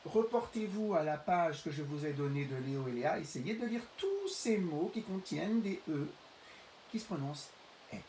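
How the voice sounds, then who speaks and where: A middle-aged male teacher giving a reading lesson to young pupils, speaking slowly and carefully and stretching out the example words. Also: fairly high pitch, sing-song, darkish tone. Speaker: primary school teacher. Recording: roomy, distant mic, faint hiss.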